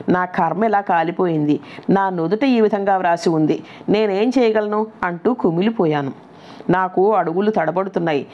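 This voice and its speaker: A woman narrating a devotional scripture in a steady, reverent reading style. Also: mid-range voice. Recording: dull lo-fi recording.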